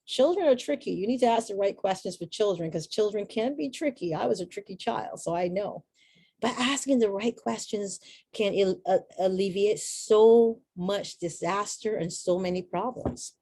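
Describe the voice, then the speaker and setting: A woman's voice: mid-range voice, normal speed, dark tone, breathy edge, dry recording. A middle-aged woman from Barbados, giving an earnest, reflective inspirational talk with chatty asides. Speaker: motivational speaker.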